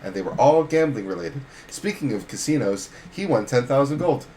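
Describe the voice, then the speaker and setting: A man voicing a slow-thinking centaur adventurer who rambles in a halting, earnest, formal way, recorded in a noisy room. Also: medium pitch, animated, dark tone, lightly acted. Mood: earnest, rambling.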